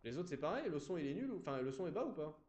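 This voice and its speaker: A man's voice: fairly high pitch, sing-song, racing, darkish tone, roomy sound. A man live-streaming a game, chatting casually and apologizing to his viewers while leaning close to a desk mic in an empty room.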